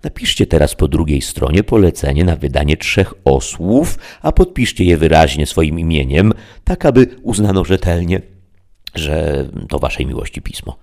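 A man voicing a blustering, excitable peasant squire in a loud, folksy way, reading an audiobook. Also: extremely low pitch, moderate pace, full character voice.

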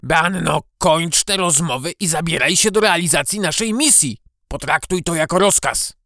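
A man's voice: fairly high pitch, normal speed, bright, forceful tone, no room sound, clean studio sound, pitched above the performer's own voice. A man voicing an impatient, bossy male crow-like creature who caws and scolds in an audiobook. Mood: commanding. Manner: cawing, scolding, commanding. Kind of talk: audiobook character voice.

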